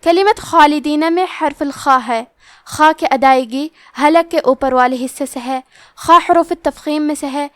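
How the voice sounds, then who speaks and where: A woman teaching tajweed, explaining pronunciation rules step by step and slowly reciting the words as examples. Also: high-pitched, no echo, clean studio sound. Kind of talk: tajweed lesson with slow recitation.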